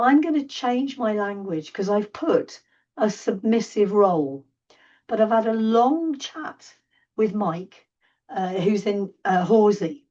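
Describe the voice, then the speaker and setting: A woman's voice: mid-range voice, a little mellow. A middle-aged woman with a slightly sore throat talks through wildlife clips in an easy, enthusiastic lecture style. She sits a little back from a dull, lo-fi microphone, so her voice sounds distant and muffled. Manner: chatty, enthusiastic commentary over wildlife clips. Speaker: seal researcher giving an online talk. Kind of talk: informal narrated video lecture.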